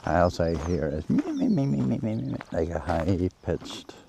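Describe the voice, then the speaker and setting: Out on a nature walk, a man vlogs to a handheld camera in a deep voice with huge pitch swings and vocal fry, speaking a little slowly. The travel vlog is rambling and casual, full of hesitations and restarts, and the background is noisy.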